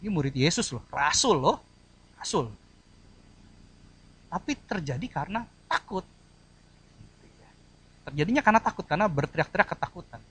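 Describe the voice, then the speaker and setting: A man's voice: on the high side, sing-song, normal speed, long pauses, fairly bright tone, breathy edge. A man preaching a church sermon, addressing the congregation directly and acting out short quoted voices. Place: church service.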